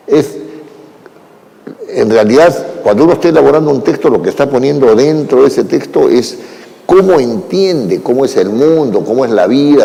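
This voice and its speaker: A man giving a classroom lecture, explaining at an unhurried pace and often closing his phrases with a questioning tag and fillers. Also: medium pitch, gravelly, dark tone. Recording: long hall reverb.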